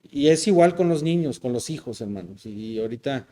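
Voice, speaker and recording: A man's voice: medium pitch, lively intonation, fairly quick, warm tone. A male pastor, preaching a sermon in a conversational, joking way. He often adds tag questions and slips in English words.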